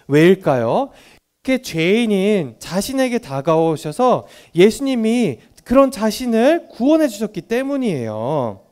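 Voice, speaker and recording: A man tells a Bible story to a room of small children. He keeps stopping to ask them questions. His voice is high and his pitch moves a lot. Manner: animated, asks the children questions often. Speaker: Sunday school teacher.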